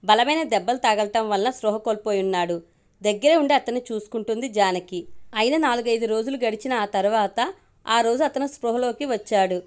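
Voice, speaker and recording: A woman storyteller reading a love story aloud with steady, measured narration. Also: on the high side.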